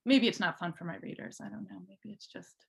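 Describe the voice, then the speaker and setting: In a casual interview chat, this fan fiction writer talks informally about her own writing, poking a little fun at herself as a podcast guest. She speaks a little fast in a mid-range, creaky voice.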